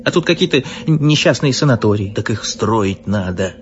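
A man's voice: lowish voice, lively intonation, moderate pace, dull audio, noisy background, natural voice. A man voicing an agitated middle-aged company director who pleads and exclaims. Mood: pleading.

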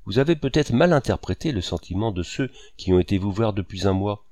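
A man's voice: on the low side, lively intonation, brisk, a little mellow, no echo, studio quality, natural voice. Man reading as a troubled, grave writer. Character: troubled, gentle male writer, worried.

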